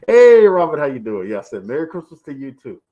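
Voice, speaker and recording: Streaming a casual movie review, a man talks through a face mask that muffles him, rambling with lots of fillers like "you know" and "right here." His voice is a little high, very animated and mellow, at a moderate pace, and the highs are cut off.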